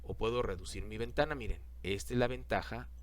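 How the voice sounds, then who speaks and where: A man teaching a software lesson over a screen recording, talking the class through each click and repeating the steps. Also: on the low side, a little fast.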